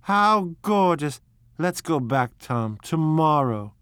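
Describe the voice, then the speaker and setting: A man reading a novel aloud, voicing a flighty young society wife in a raised, gushing, drawn-out voice. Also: a little high, lively intonation, no echo, voice pushed up, natural voice. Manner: gushing, dreamy, drawn-out phrasing. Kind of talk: audiobook character voice.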